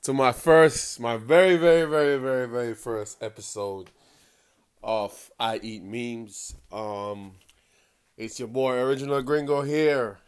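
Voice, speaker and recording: This podcast host is a young man from Jamaica with a Jamaican accent and a smooth, medium-pitched voice at a measured pace, recorded dry. Going solo and casual, he rambles, swears, laughs a lot and fills his talk with "um"s.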